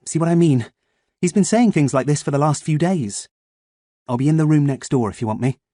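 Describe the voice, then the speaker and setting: A man's voice: a little high, expressive, a little fast, mellow, no room sound, clean studio sound, pitched above the performer's own voice. A man reading an audiobook, voicing a worried mother who speaks firmly and reassuringly to her son. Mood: firm, anxious. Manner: firm, reassuring. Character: firm, worried mother of two.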